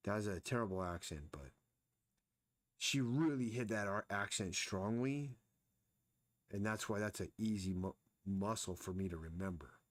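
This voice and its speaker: Man, artist on a live stream, low voice, dry close mic, musing while sketching. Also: moderate pace, no room sound. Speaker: artist streaming his drawing. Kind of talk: casual live drawing commentary.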